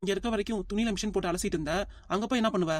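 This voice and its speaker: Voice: medium pitch, racing, no echo, close to an everyday voice. A voice actor playing a tired old grandfather in a cartoon family comedy, pleading and complaining as he reasons with his wife.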